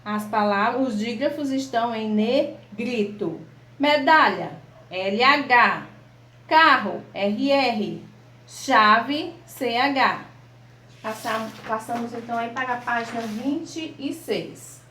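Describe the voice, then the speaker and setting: A Brazilian woman teaching primary school children an online lesson, slow and patient, spelling out letters and examples. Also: fairly high pitch, bright, forceful tone. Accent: Brazilian Portuguese. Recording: echoey room.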